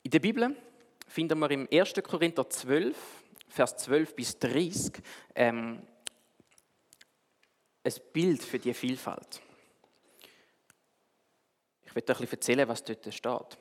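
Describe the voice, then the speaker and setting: A man preaching, telling a story in a lively, animated way. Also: medium pitch, slow, long pauses, in a large hall. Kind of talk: sermon with a told story.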